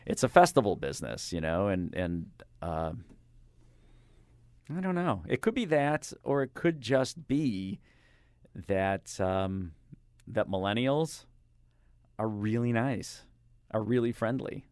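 Low-voiced older man, halting and rambling. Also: lively intonation, a little mellow, clear, resonant tone, no room sound, studio quality. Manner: rambling, halting with many fillers and restarts. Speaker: radio interviewer. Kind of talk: casual interview chat. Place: radio studio. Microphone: studio microphone.

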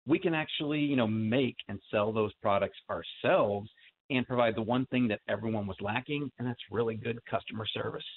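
A man's voice: lowish voice, brisk. A man from the St. Louis area calling in over the phone to a radio talk show, chatting casually and upbeat as a sponsor. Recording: tinny phone line with hiss.

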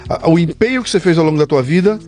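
A man hosting a podcast interview, reflecting out loud with fillers and repeated words. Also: on the high side, expressive, rapid-fire, faint music behind. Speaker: podcast host. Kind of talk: conversational interview.

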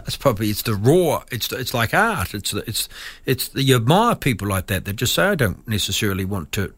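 A man's voice: medium pitch, big pitch swings, normal speed, fairly bright tone, dry recording. New man, dry-studio rugby pundit. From New Zealand. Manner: thoughtful, rambling with restarts. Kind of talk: casual radio chat.

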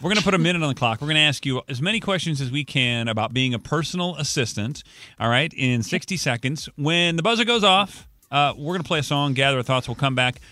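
Bright, higher-voiced American radio host. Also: male voice, animated, quick pace, dry recording. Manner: playful, teasing. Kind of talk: lively radio banter and phone interview. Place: radio studio.

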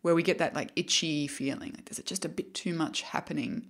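A woman talks as a podcast host in a casual, chatty way. Her voice sits low for a woman. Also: fairly even intonation, a little fast. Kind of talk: casual chat.

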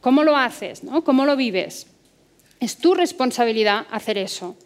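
A woman from Spain gives an earnest motivational talk as a psychologist. Her voice sits a little high, and she often pauses on rhetorical questions. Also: lively intonation.

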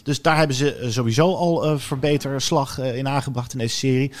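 A male co-host chats casually about TV series at a mid pitch. He gives opinionated, descriptive takes on what he watched. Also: steady tone, a little fast. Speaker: podcast co-host. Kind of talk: casual chat reviewing series.

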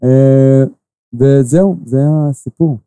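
A man in his forties with an Israeli accent, an investor answering interview questions slowly, with many filler pauses. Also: mid-range voice, mellow, clear, resonant tone, no room sound. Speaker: investor guest.

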